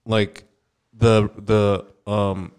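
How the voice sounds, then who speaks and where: A man's voice: lowish voice, flat delivery, very slow, darkish tone. A man in casual podcast chat, rambling and laughing as he stumbles over his words.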